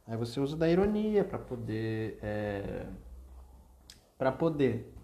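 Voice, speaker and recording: A man's voice: medium pitch, big pitch swings, slow pace, dark tone, reverberant. A man with a Brazilian Portuguese accent teaching an online literature lesson, chatty and digressive, often correcting himself mid-sentence. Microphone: video call.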